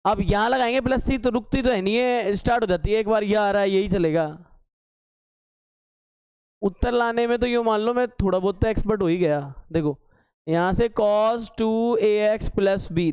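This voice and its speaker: High-voiced teasing male math teacher. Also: darkish tone, smooth, dry recording. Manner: teasing, scolding students with sarcastic asides; works steps aloud, repeating key terms as questions. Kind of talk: classroom lecture at a board.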